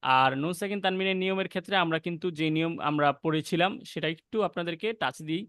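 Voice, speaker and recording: A young man with a high, light voice and a Bangladeshi Bengali accent teaches Quran recitation in a patient, step-by-step way. He breaks off now and then to sound out letters softly. The recording is dry and close, with no room sound. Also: dry recording. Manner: explains patiently, then recites verses slowly and drawn out; demonstrates soft breathy letter sounds. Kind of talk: online class lesson with slow recitation.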